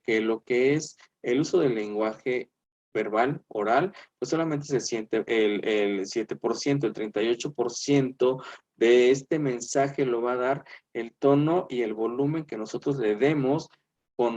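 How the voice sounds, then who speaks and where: A man teaching a class over a video call, his voice at an ordinary middle pitch. He talks in a loose, chatty way, with frequent "eh" and "este" fillers and rhetorical checks with his students. The call audio is dull and lo-fi. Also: darkish tone. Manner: chatty, fills with "eh" and "este", asks "¿verdad?". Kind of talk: online class lecture.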